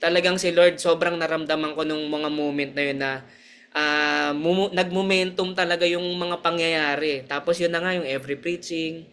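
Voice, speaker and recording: Young Filipino man, high bright voice, earnest chatty testimony with frequent laughs. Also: fairly even intonation, normal speed. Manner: earnest, chatty, mixing Tagalog and English, laughs often. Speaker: church member sharing testimony. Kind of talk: personal testimony.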